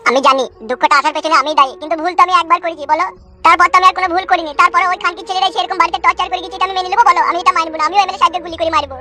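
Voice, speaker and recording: A woman's voice: very high voice, fairly even intonation, very fast, over music. A woman voicing a hot-headed young village man, ranting with crude curses in a comic cartoon. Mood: vengeful. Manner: fiery, crude swearing rants.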